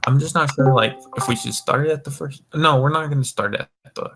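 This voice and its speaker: Soft background music plays as a tipsy young man from the American Mountain Time zone hosts a casual group voice chat, rambling, swearing and stumbling over his words. His voice is mid-range, a bit bright and a little fast.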